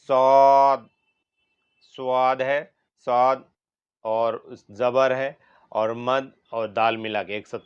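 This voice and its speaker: Teacher, male: very slow, drawn-out letter sounds, repeated for students. Smooth voice, dull muffled recording. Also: medium pitch. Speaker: Quran reading teacher. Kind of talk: recorded lesson on letter pronunciation.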